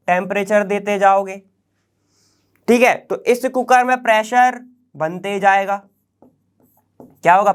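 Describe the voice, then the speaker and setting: A man's voice: sits high, fairly bright tone, clear, resonant tone. A man teaching a chemistry lecture for exam prep. He talks casually, mixes in English science terms, and keeps asking rhetorical questions and checking that students follow. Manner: conversational, peppers with rhetorical questions and "okay?" checks.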